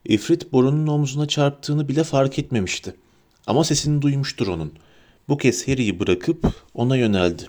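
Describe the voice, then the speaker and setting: A man narrating a storybook in a lively, dramatic reading. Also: mid-range voice, fairly quick. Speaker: audiobook narrator.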